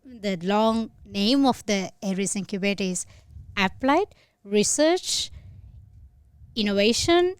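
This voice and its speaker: Smooth-voiced woman from Sri Lanka. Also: mid-range voice, animated, no room sound. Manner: measured, explanatory, with fillers. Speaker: guest, incubator head. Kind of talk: podcast interview.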